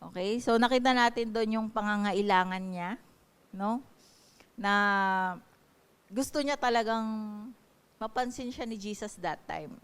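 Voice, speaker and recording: A woman's voice: mid-range voice, a little slow, pauses often, fairly bright tone, clear, resonant tone. A woman with a Filipino accent, preaching a sermon and explaining each point with frequent checking questions. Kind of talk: Taglish sermon.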